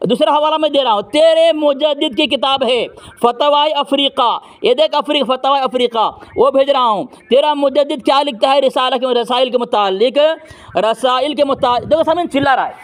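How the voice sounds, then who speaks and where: Man, very high voice, insistent, repetitive, heated debate, citing books. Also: fairly quick. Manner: insistent, repeats himself, talks over his opponent; reads out book references. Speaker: religious debater.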